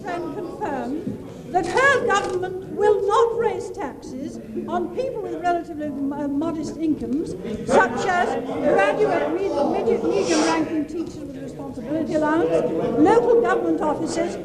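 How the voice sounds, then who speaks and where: Lady mp asking a question, super high, stumbly, loud crowd all around. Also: normal speed. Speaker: member of parliament. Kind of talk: formal parliamentary question. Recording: echoey chamber, very loud crowd.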